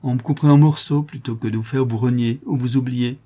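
A man's voice: fairly high pitch, fairly even intonation, brisk, mellow, slightly rough, pitched above the performer's own voice. A man voicing a tearful young woman prisoner who is expecting a child, pleading and sobbing with fierce pride. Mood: tearful resolve.

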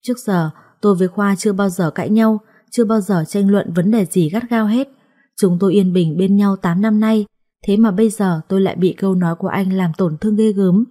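A woman storyteller reading a first-person family story in a soft, measured way. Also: medium pitch. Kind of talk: scripted first-person narration.

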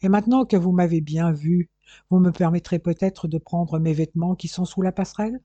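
A man plays a humiliated police inspector in an audiobook crime story, speaking in indignant, angry outbursts. The voice is dark and husky, with a fairly high pitch. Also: brisk, dry recording, dull audio. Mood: sarcastic. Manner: indignant, sputtering with anger.

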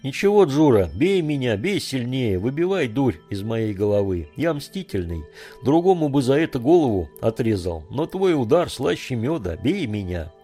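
A man's voice: mid-range voice, big pitch swings, normal speed, dark tone, soft background music, pitched above the performer's own voice, lightly acted. A man reading a storybook voicing a greedy, sly grown bandit who pleads and talks back insolently. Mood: brash.

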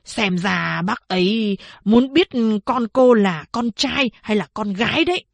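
Lady doing a bossy old town chief guy, barks and scolds, kinda husky, slow. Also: medium pitch, animated, no room sound. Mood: gruff. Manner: gruff, scolding, barking. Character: bullying older male town chief.

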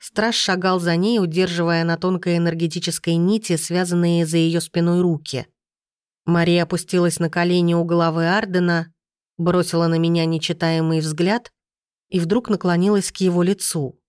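Brief: female audiobook narrator, lowish pitch, dry close sound, urgent and emotional. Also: little pitch movement, moderate pace, darkish tone, clean tone, no echo. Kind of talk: scripted first-person fantasy narration.

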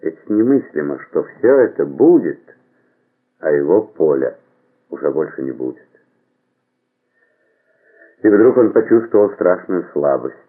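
A man reading a novel aloud as an audiobook narrator, in a measured, expressive way. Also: extremely low pitch, breathy edge. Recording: tinny phone-like band.

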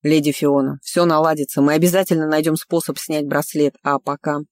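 A man's voice: fairly high pitch, flat delivery, brisk, no room sound, lightly acted. A woman voicing a proud young nobleman, a count who speaks in a clipped, restrained way. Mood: soothing.

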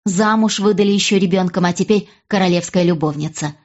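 A woman's voice: fairly low pitch, a little fast, darkish tone, dull audio, lightly acted. A woman voicing a proud, scheming young noblewoman who scolds and threatens her sister in an audiobook. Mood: bitter. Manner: bitter, cutting, hisses threats.

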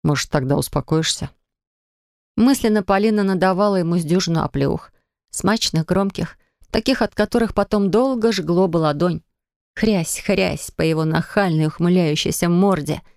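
A woman reading an audiobook with a somewhat low voice and an expressive delivery. The recording is close and dry. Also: normal speed, no room sound. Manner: expressive, rising high and loud in the heroine's angry lines. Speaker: audiobook narrator. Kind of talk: audiobook narration.

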